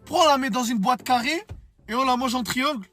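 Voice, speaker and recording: A man's voice: very high voice, brisk, sharp tone, faint music behind. A man voicing a dim-witted young man who rambles through silly questions in street slang. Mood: puzzled. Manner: rambling, puzzled street talk.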